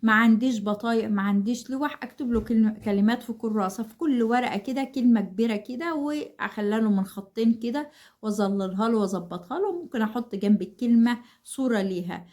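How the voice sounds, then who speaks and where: A woman with an Egyptian Arabic accent, a reading tutor giving brisk, encouraging advice to mothers and repeating simple examples. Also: on the high side, a little mellow. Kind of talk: instructional talk to parents.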